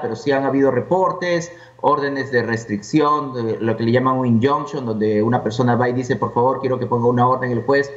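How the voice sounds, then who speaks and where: A man in a mid-range voice explains things step by step as an interview guest. He sounds set back from the mic in a roomy space. The recording is muffled and dull. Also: medium pitch. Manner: explanatory, lays out points one by one. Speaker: immigration lawyer, interview guest. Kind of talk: conversational interview. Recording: distant, echoey and dull.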